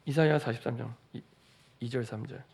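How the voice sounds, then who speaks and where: A middle-aged pastor delivers a Sunday sermon in a church sanctuary, his medium-pitched voice a little fast, a little mellow, with vocal fry. He repeats phrases to build emphasis and puts rhetorical questions to the congregation. A slight hiss or hum sits in the recording.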